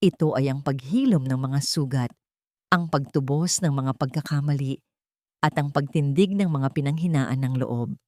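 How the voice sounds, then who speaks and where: In a dark bass voice at normal speed, a woman narrates scripted dramatic stories in an earnest, sentimental manner. She is the narrator and host of a storytelling channel, and the recording is dry and clean, studio-quality.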